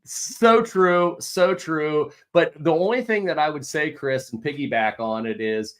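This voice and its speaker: A man hosting a casual livestream Q&A as a real estate agent, telling animated stories and swearing mildly. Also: a little high, measured pace. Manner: chatty, animated storytelling with mild swearing.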